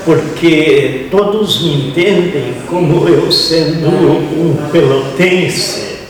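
A slow-speaking man from Rio Grande do Sul, with that southern Brazilian accent, reminisces in a halting, reflective way. His slightly high voice rings in a big echoey hall. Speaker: interview guest, family farmer. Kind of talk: reflective storytelling in an interview. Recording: very echoey hall, distant mic, crowd murmur.

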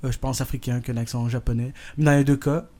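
A man's voice: mid-range voice, flat delivery, quick pace, mellow, natural voice. A man playing a pompous male producer with a put-on Japanese accent, lecturing in a mock-formal way and stumbling over his words in a comic podcast bit.

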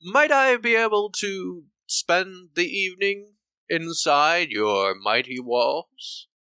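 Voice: medium pitch, lively intonation, slow, sharp tone, smooth, no room sound, pitched above the performer's own voice, full character voice. A tabletop player voicing a humble, polite cloaked traveler who asks formally for refuge. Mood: humble, courtly. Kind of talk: tabletop game role-play.

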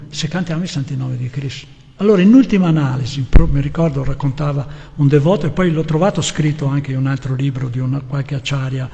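A man's voice: fairly high pitch, vocal fry, darkish tone. A man giving a devotional class, explaining with rhetorical questions and reading prayers aloud, sometimes hesitating. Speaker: devotional speaker. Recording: long hall reverb.

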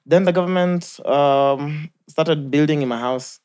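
A man with a Kenyan accent hosts a podcast in a fairly high-pitched voice. His talk is loose and conversational, full of filler words such as um, like and bro. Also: unhurried, a little mellow, smooth. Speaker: podcast host. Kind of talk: casual chat.

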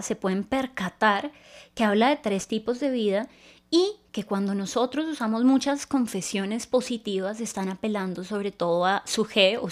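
A woman's voice: a little high, a little mellow. Earnest woman teaching a sermon. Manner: earnest, explanatory, walks through Greek word meanings. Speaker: preacher.

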